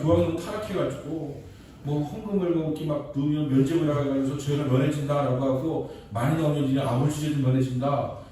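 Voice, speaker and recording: A man's voice: mid-range voice, mellow. A male pastor preaching a sermon, telling a story and building to emphatic repeated questions. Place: church sanctuary. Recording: distant mic in echoey church with faint background noise.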